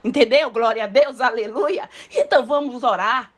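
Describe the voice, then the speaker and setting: A middle-aged woman from Brazil preaches with a notably high voice. Her delivery is colloquial and conversational. She keeps acting out the prayers she describes in dramatized voices. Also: expressive, normal speed. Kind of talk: sermon.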